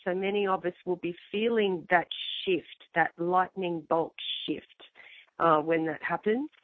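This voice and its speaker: A woman with a croaky voice, hoarse from a flu, hosting an astrology talk and chatting informally to her listeners. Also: fairly low pitch, steady tone, measured pace, no echo. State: getting over flu. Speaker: host and astrologer. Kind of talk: astrology show monologue, casual address to listeners. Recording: thin, phone-like line.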